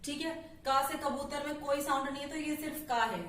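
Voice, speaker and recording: A woman teacher patiently explaining letter sounds to small children, stretching out syllables slowly and checking in often. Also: sits high, steady tone, fairly bright tone. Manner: patient, slow, drawn-out syllables with frequent "theek hai". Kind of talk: Hindi phonics lesson for young children. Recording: echoey room, mic at a distance.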